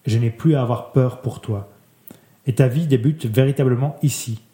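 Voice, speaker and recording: A man reading a literary text aloud in a soft, measured way, letting his voice drop quieter at the ends of phrases. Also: mid-range voice. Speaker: reader. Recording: roomy echo.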